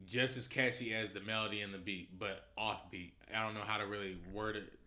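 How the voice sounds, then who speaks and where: Man, musician guest, bright voice, lowish pitch, animated storyteller. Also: a little fast. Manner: animated storyteller, acts out quotes. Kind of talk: casual podcast chat.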